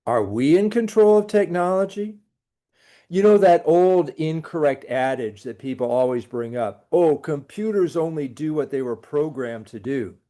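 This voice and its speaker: Male college professor, middle-aged, slow deliberate delivery, mellow tone, dry sarcastic humor. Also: mid-range voice. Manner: dry jokey asides, sarcastic. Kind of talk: recorded lecture.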